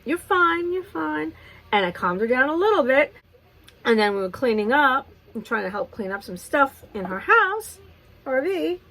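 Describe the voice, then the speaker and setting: A woman beauty vlogger telling a rambling, animated story while doing her makeup. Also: on the high side, moderate pace, poor audio. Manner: rambling, animated retelling with restarts. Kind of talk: chatty get-ready-with-me storytime.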